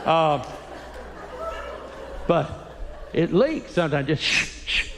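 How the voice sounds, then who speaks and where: A man's voice: fairly high pitch, very animated, slow pace, big-room sound, crowd noise, noisy background. An older man doing stand-up comedy in a church, folksy, teasing the audience and acting out quotes. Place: church sanctuary.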